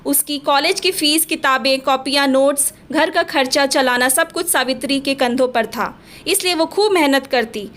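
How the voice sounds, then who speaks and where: A woman storyteller narrating a scripted family story in a steady, dramatic way. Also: high-pitched, normal speed.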